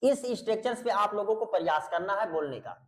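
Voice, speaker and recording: Expressive and brisk, a high-voiced male English teacher runs an online grammar class in Hindi, demonstrating pronunciation as he goes. He repeats key words, quizzes his students, and addresses them warmly as beta with teacherly patience. The recording quality is low.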